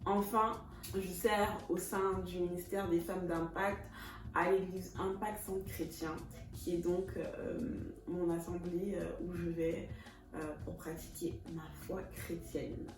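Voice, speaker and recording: A chatty woman of thirty from Congo (Kinshasa) introduces herself in a casual vlog, warm and laughing often as she mixes in English words. Her voice is fairly low, flat in delivery and slow. She's recorded from a distance, a bit off-mic in an echoey room, with music playing behind her.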